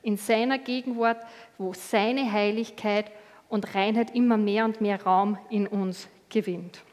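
A woman's voice: mid-range voice, steady tone, unhurried, darkish tone, long reverb tail. A woman preaching a sermon in a conversational, earnest way, acting out inner voices with many fillers.

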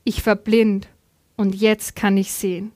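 A woman reading the lines of a healed blind man who speaks plainly and insistently, with a rise in pitch on his questions. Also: little pitch movement, measured pace, a little mellow, lightly acted.

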